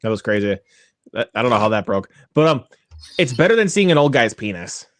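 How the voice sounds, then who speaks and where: A man's voice: medium pitch, very animated, brisk, a bit bright, no room sound, studio quality. A young man chatting casually with friends during a movie watch-along, laughing often and trailing off mid-sentence. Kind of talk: casual chat among friends.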